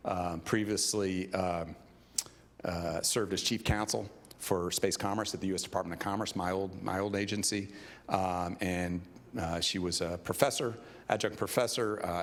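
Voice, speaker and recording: A deep-voiced man introduces the next speaker at a conference. He talks loosely, stumbling through fillers and restarts. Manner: halting, many fillers. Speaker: conference moderator. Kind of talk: casual introduction speech.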